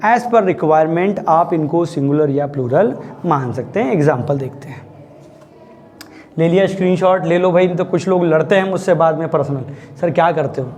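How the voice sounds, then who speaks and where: Chatty male English grammar teacher, high voice. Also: normal speed, darkish tone, slight background noise. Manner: chatty, repeatedly asks students if they understood. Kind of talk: classroom lesson, explaining.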